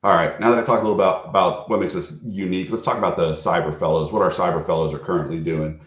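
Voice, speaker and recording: A low-voiced American man delivers a recruiter's pitch in an informal presentation. He is conversational and keeps checking that listeners follow. The sound is noticeably roomy and echoing. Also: fairly even intonation, quick pace. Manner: conversational, frequently checking in with "right?". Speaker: recruiter and fellowship program manager.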